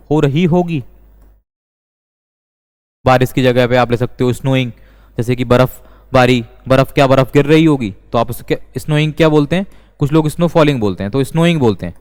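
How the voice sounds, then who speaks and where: Man teaching slowly in a reverberant room. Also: medium pitch, darkish tone, clear, resonant tone. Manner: slow, deliberate, repeats each sentence. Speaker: English teacher. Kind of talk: classroom grammar lesson. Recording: long reverb.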